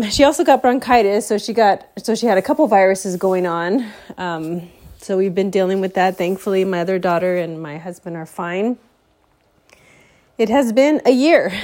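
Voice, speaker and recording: A woman's voice: mid-range voice, darkish tone. A congested woman podcaster giving a candid, rambling personal update at home, with frequent fillers and restarts.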